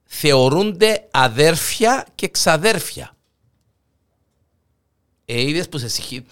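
Co-hosting a comic news show, a man with a Greek Cypriot accent banters and teases over odd news stories in colloquial speech. His mid-range voice is clear and resonant with a fairly bright tone.

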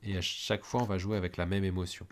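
A man hosting an interview podcast, briskly reading out prompts. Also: deep voice, little pitch movement. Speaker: host.

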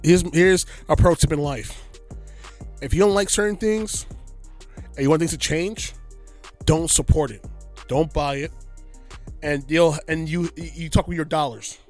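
A podcast co-host with a slightly high voice rants animatedly in casual chat, speaking a little slowly with long pauses and sometimes slipping into mocking voices mid-rant. Faint music plays behind him.

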